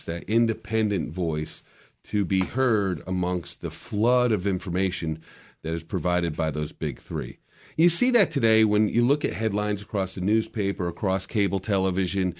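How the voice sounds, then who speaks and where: A man's voice: deep voice, darkish tone. A man in a casual podcast discussion, explaining media history in a lecturing way with frequent restarts.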